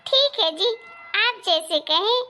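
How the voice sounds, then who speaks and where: A woman's voice: very high-pitched, expressive, slow pace, pushed and bright, heavily acted. A woman voicing a simple-minded young daughter-in-law in a cartoon story, childlike and cheeky.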